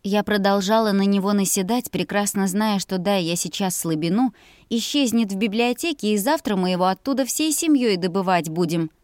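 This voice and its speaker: A woman narrating a first-person audiobook in a lively, expressive way. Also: medium pitch, fairly quick, no room sound, studio quality. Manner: lively, expressive dialogue, exclamatory.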